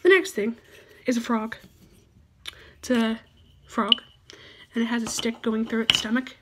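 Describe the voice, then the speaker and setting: Teen girl vlogger, chatty and giggly, slightly high-pitched, faint noise on the recording. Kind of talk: casual show-and-tell.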